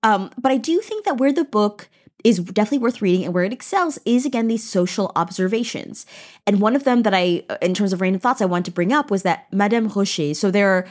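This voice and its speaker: A woman co-hosting a casual book podcast, animated and swearing freely as she acts out quotes from the story. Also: mid-range voice, a little fast. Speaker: podcast co-host.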